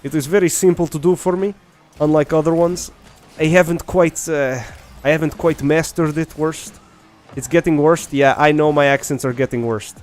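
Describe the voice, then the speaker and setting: A young Irish man chats casually with viewers on a game stream, rambling and thinking aloud with many restarts and questions. His voice is a little high and darkish, with fairly even intonation at normal speed, over faint background beats.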